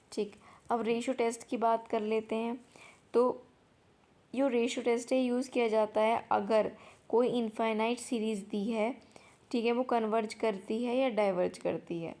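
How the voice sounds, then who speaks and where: A young woman with a slightly high voice teaches a maths revision lesson. She explains each point patiently, step by step, slows down to repeat definitions, and keeps checking that her students are following. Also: mellow. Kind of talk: exam revision lecture.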